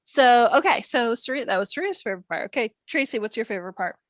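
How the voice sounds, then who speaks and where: A woman hosting a casual film podcast, leading the talk in an upbeat, deliberate way. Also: on the high side, animated, no echo, clean studio sound. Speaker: podcast host. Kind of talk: casual chat.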